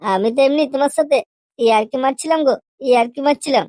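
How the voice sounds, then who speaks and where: In a comedy cartoon, a woman voices a crude, pushy young boyfriend, coaxing and teasing in a wheedling way with coarse slang. Her voice is high-pitched, fast, and dark in tone, close to an everyday voice, in a dry recording.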